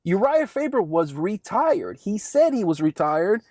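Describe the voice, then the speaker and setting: High-voiced, chatty young man. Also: sing-song, a little slow, darkish tone, dry recording, studio quality. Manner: rambling, chatty, keeps asking "right?". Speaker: sports commentary vlogger. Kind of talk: casual one-take sports monologue.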